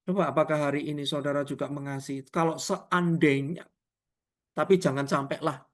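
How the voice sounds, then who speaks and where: A man's voice: level tone, brisk. A middle-aged male preacher, giving a sermon over a video call, acting out prayers and dialogue and calling listeners "Saudara". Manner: swings widely in pitch and loudness, rising to near shouts and dropping to hushed asides. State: tearful when recalling prayer. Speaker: evangelist preacher.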